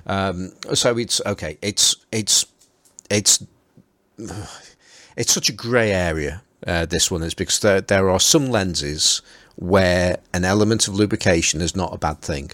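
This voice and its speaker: Man, Stoke accent, very low pitch, hesitant casual chat, qualifies his points, dry sound. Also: a little slow, fairly bright tone, no echo. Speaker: panelist discussing vintage lenses.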